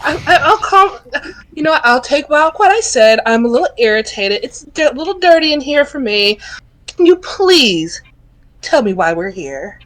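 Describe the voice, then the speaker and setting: A woman in a tabletop game, voicing her character with an irritated, demanding edge. Her voice sits fairly high and moves through a lively pitch range. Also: normal speed, rough recording. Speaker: player.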